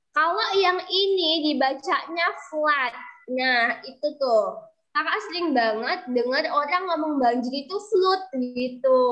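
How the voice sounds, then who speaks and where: Over a video call with dull lo-fi audio, a young English tutor chats with her class and urges the students to respond, referring to herself as kakak. Her voice is high-pitched with a fairly bright tone. She sits in a darkening room, relying on a flashlight.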